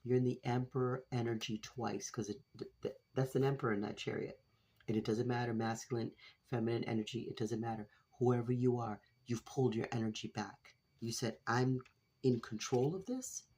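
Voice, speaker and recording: A man's voice: mid-range voice, little pitch movement, fairly quick, warm tone, slightly rough. Man giving a rambling, repetitive tarot reading. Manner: repetitive, many restarts, casual swearing; calls listeners sweetheart and collective. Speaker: tarot reader. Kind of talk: freestyle tarot reading to viewers.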